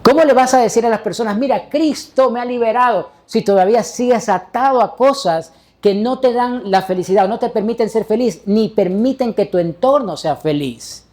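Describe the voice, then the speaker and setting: A man's voice: sits high, normal speed, hardly any pauses, a little mellow. A male pastor delivering a sermon, preaching emphatically and putting rhetorical questions to the congregation.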